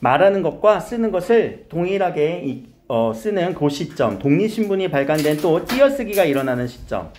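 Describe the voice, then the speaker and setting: A man teaching a high school grammar lesson, asking his students questions, coaxing answers and repeating key terms. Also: very animated, moderate pace, few pauses, darkish tone, slight background noise.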